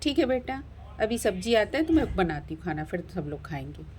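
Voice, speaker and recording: A woman's voice: mid-range voice, big pitch swings, brisk, a little mellow, a little hiss or hum, natural voice. A woman voicing a busy village mother in a doll story, talking in a practical, homely way.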